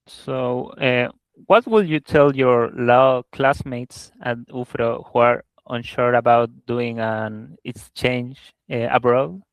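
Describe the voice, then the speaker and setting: A man asking interview questions in English in a measured, slightly halting way. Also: mid-range voice, steady tone, clean tone, no room sound.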